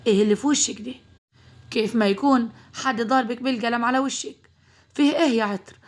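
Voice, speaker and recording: A woman's voice: a little high, lightly acted. Woman voicing a firm young Upper Egyptian doctor.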